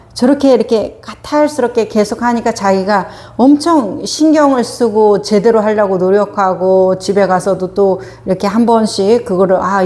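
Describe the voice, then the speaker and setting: A woman meditation teacher giving a casual dharma talk, telling an everyday story in a conversational way with frequent pauses and hesitations. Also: mid-range voice, darkish tone.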